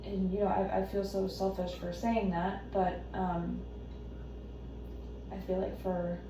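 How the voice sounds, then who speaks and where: An anxious, devoted wife, acted by a woman in a role-play, talking haltingly as if justifying herself. She sounds distant from the mic in a strongly echoing room with noticeable noise. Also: mid-range voice, level tone, lightly acted. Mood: anxious, apologetic. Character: anxious, devoted wife caring for her husband. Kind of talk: role-play counselling session. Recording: echoey room, distant mic, noisy background.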